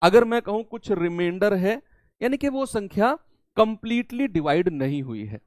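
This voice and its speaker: A man's voice: high-pitched, big pitch swings, normal speed, no room sound, studio quality. A man teaching a maths lesson to students, asking questions and answering them himself, repeating each key term twice. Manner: repeats key terms in two languages, asks and answers his own questions. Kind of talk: classroom-style maths lesson.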